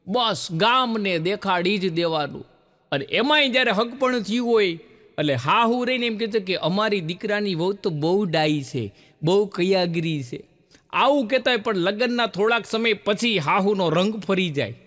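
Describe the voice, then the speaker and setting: A man's voice: high voice, big-room sound. A man with a Gujarati accent telling jokes on stage to a laughing audience, acting out the people in his stories. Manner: animated storyteller acting out quoted characters. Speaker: stand-up comedian.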